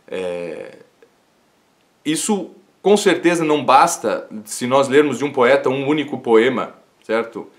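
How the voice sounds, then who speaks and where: A man teaching classical literature in a livestream lecture, talking in an unhurried way with frequent fillers and "isn't it?" tags. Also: mid-range voice, animated.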